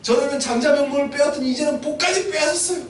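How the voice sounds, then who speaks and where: A man's voice: high-pitched, steady tone, brisk, a little hiss or hum, natural voice. A man acting out a grown son who pleads, then mutters threats. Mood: pleading. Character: grown hunter son, tearful then furious. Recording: echoey room, mic at a distance.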